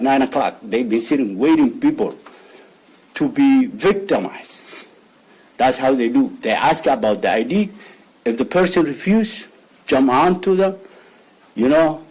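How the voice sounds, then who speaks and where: A man from Somalia, speaking as a father at a press conference in halting English, often repeating words and restarting his sentences. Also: medium pitch, darkish tone, husky, poor audio. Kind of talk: emotional press conference statement.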